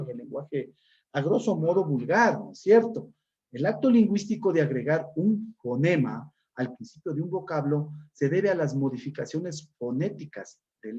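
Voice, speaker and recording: A man's voice: on the high side, dark tone, dull audio. A male teacher giving an online class lecture, explaining with examples and checking in with "¿no es cierto?".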